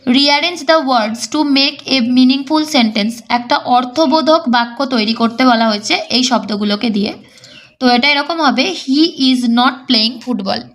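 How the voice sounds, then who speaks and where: A woman teaching an exam-prep English lesson. She reads English lines slowly, then explains them briskly. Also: on the high side, a bit bright.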